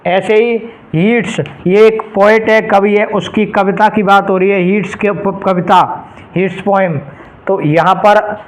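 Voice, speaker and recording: Male grammar teacher, high voice, slow deliberate delivery, exam-prep lesson, reads examples out carefully, asks students rhetorical questions. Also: steady tone, low-quality recording. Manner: explains in Hindi, slowly reading out English example phrases; addresses students directly and checks understanding with rhetorical questions.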